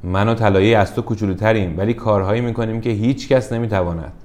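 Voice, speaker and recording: A man voicing a calm, wise safety pin who helps troubled objects, in a children's storybook. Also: lowish voice, natural voice. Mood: reassuring.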